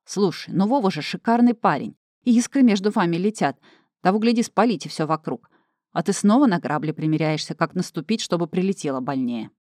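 A woman's voice: lowish voice, lively intonation, a little fast, darkish tone, no room sound, studio quality. A woman reading a bossy, meddling friend. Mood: lecturing.

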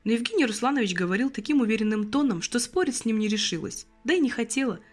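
A woman narrating an audiobook in an expressive storytelling manner. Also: a little high, fast, soft background music.

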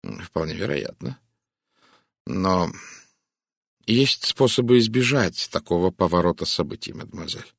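A man reading an audiobook, voicing a polite, sly older detective who speaks softly and breathily. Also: low-pitched, expressive, unhurried, pauses often, no echo, studio quality, heavily acted. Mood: courteous. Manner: soft, breathy, courteous.

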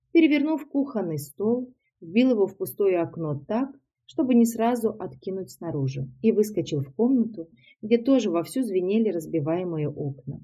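A woman reading a first-person novel aloud, steady and matter-of-fact. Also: medium pitch, slightly rough. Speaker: audiobook narrator. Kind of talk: first-person audiobook narration.

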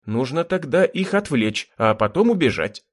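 A man's voice: medium pitch, big pitch swings, moderate pace. A man voicing a timid, apologetic young engineer in an audiobook. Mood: defensive. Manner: defensive, apologetic.

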